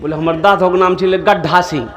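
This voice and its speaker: A man preaches a humorous sermon in a strikingly high, bright voice. He tells village anecdotes, slipping into dialect voices and repeating lines for effect. The sound rings with the echo of a large hall. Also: steady tone, fairly quick. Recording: echoey hall.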